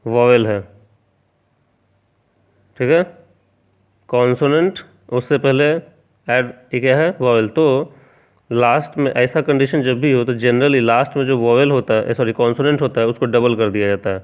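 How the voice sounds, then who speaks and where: A man's voice: mid-range voice, moderate pace, pauses often, clean tone. A man teaching a grammar lesson who spells words out letter by letter and keeps asking the class rhetorical questions. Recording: tinny phone-like sound.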